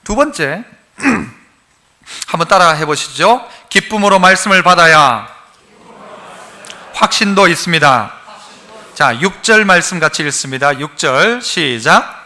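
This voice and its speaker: A man's voice: a little high, expressive, a little slow, long pauses, sharp tone. A man preaching a live sermon in a church, folksy and humorous, quizzing the congregation and prompting their responses. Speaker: pastor. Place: church sanctuary, live service.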